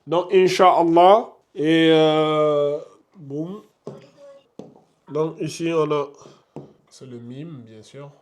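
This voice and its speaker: Slow-paced man teaching a class. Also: on the high side, steady tone. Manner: patient, repeats examples slowly, drawing out sounds. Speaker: Quran recitation teacher. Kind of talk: classroom lesson. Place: classroom with a board.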